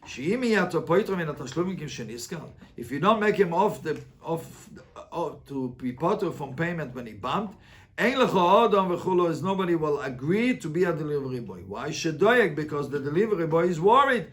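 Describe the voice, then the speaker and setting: A slightly high, fairly bright voice moves a little fast with big swings in pitch. It belongs to a rabbi teaching Talmud interactively, reading and translating line by line and driving points home with emphatic questions and repeated phrases.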